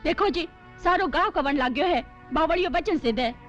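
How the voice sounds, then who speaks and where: An actress playing an anxious village wife with a Rajasthani accent, pleading in a worried way. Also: female voice, high voice, a little fast, a bit bright, dull audio, soft background music.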